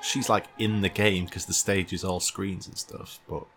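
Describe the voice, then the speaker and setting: A man gives casual, sardonic commentary while watching a game showcase. His voice sits low. Faint music plays behind him. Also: steady tone, moderate pace. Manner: blunt, sardonic. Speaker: streamer.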